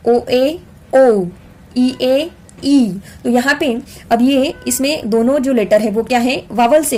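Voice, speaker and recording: A woman's voice: a little high, a little mellow. A young woman teaching phonics, sounding out letters one by one and asking questions that she then answers herself. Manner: slow, clearly separated sounds, rhetorical questions. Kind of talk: explaining and sounding out phonics for parents.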